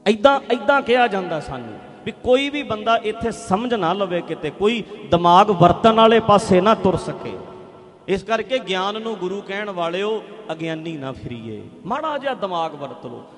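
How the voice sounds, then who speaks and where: A male preacher giving an impassioned religious speech, emphatic and full of rhetorical questions, swinging between loud and hushed. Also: high-pitched, animated, moderate pace, big-room sound, music in the background.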